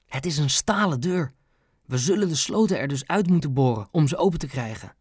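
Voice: medium pitch, animated, a little fast, a little mellow, breathy edge, no room sound, studio quality. A narrator voicing an eager, scheming young boy laying out a plan, in an audiobook reading. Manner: eager, conspiratorial.

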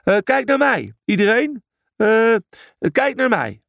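A man's voice: very high-pitched, sing-song, slow, creaky, a bit bright, no echo, studio quality, voice pushed up, heavily acted. A man voicing an eager, simple young male pig who stammers and hesitates, in an audiobook. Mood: eager, boastful. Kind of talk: audiobook character voice.

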